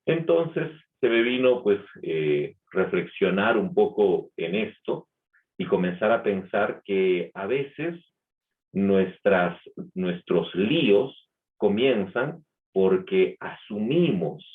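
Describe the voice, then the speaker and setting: A man with a light Peruvian accent preaching a Sunday sermon in a reflective manner, asking rhetorical questions. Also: sits low. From Peru. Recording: tinny phone-like sound.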